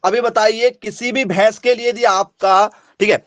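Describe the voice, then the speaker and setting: A man's voice: high voice, fairly even intonation, moderate pace, fairly bright tone, no room sound. A middle-aged man from northern India teaching an exam coaching lesson, who asks the students questions, answers them himself and keeps repeating the key points.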